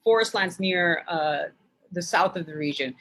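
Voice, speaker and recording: A woman from Bangladesh giving an academic lecture in a measured way, with frequent hesitation fillers. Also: lowish voice, a bit bright, low-quality recording.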